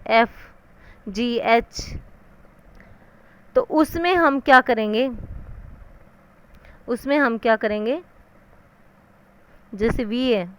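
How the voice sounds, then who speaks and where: A woman teaching English grammar, explaining the rules in Hindi. She asks questions and answers them herself, and reads out the English rules slowly. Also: a little high, clear, resonant tone.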